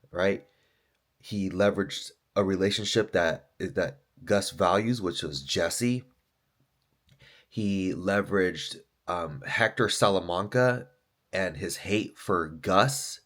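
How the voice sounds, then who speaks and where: A man's voice: sits low, slow pace, a bit bright. A man who is an author and podcaster, talking through his thoughts in a loose, rambling monologue, swearing often and saying "like" and "dude". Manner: loose, profane, full of fillers like "like" and "dude".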